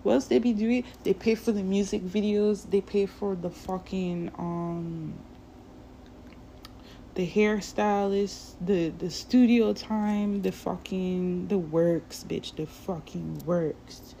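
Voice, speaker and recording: A woman rants straight to her viewers in a slow, drawn-out and rambling way, swearing freely. Her voice is low, dark and gravelly with plenty of fry, and her words drag out at an unhurried pace. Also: fairly even intonation, slight background noise. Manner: profane, rambling, drawn-out delivery. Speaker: vlogger. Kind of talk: casual ranting monologue.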